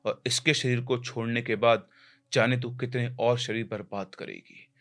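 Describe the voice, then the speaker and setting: A man's voice: mid-range voice, steady tone, moderate pace, a bit bright, natural voice. A man voicing a stern, commanding temple priest in a spoken horror story.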